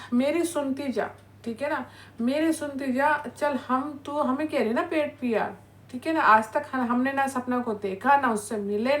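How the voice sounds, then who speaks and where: Scolding woman reaction host, slightly high voice. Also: fairly bright tone. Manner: scolding, insulting, repeated "है ना" tags. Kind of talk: angry reaction rant.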